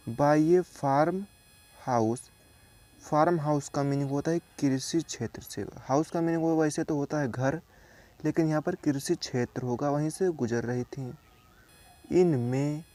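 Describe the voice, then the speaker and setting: A young man from India teaches English word by word, taking his time over each meaning. His voice sits a little high for a man but sounds dark and mellow. He speaks slowly and repeats himself the way a patient tutor does. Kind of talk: explaining an English story line by line.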